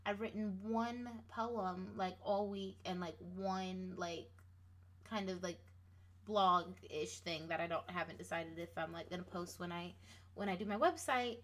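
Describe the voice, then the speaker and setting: A woman's voice: mid-range voice, fairly even intonation, unhurried, fairly bright tone. A woman talking casually to her listeners in a rambling, self-interrupting way with lots of fillers, with a playfully sassy edge. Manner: rambling, many fillers and restarts. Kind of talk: casual motivational monologue.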